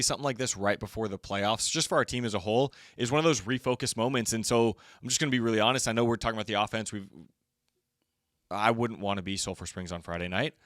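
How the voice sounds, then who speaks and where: A man co-hosting a casual football stats show, upbeat and joking, rattling off stats quickly. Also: fairly low pitch, fairly bright tone, no echo, clean studio sound. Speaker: co-host of a high school football stats show. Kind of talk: casual sports chat.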